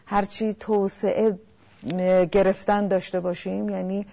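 On a talk show, a woman counselor calmly explains family communication, addressing listeners directly. Her voice is medium in pitch and creaky, with the high frequencies cut off.

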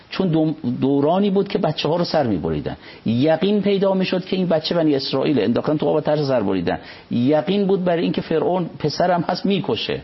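A man, a religious scholar, reciting Arabic passages and explaining them in an unhurried conversational commentary. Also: fairly high pitch, slightly rough. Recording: dull lo-fi recording.

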